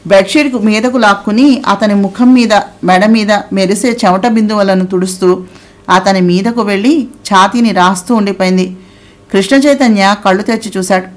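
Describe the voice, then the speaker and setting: A woman narrating an audio novel in a steady storytelling read. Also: mid-range voice, normal speed.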